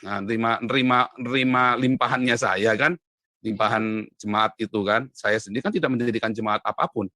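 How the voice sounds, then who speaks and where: A man recounts his life as an evangelist in an interview, his voice bright and forceful. He leans hard on key words, his pitch and volume climbing when he presses a point. The recording is dry and close. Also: steady tone, fairly quick, no room sound. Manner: emphatic, often rising sharply in pitch and loudness, addresses host as "Pak". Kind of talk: animated interview testimony. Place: Europe.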